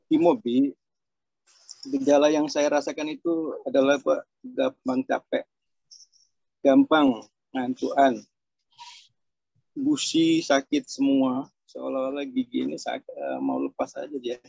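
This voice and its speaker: Speaking slowly with long pauses, this Surabaya man has a slightly high, darkish voice with vocal fry and big pitch swings. A program participant, he offers a candid, chatty, self-deprecating testimonial over a dry, dull, lo-fi video call with no echo.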